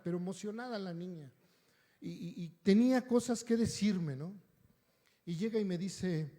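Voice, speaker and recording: With a high, warm voice, a male pastor preaches a storytelling sermon in a conversational style, often checking in with his listeners. Long hall reverb colors the recording.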